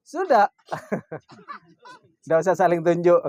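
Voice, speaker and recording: A man teaching a religious study class. He asks rhetorical questions and answers them himself, and he slows down for Arabic quotes. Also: high voice, sing-song, a little mellow, no echo. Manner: keeps addressing listeners as "Pak"; slows down when reciting Arabic quotations. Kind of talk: Islamic study lecture.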